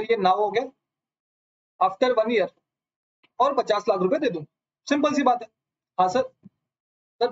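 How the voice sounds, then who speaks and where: A man teaching a live online lecture, asking his students question after question and calling them sir. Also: extremely high pitch. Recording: slightly dull lo-fi audio.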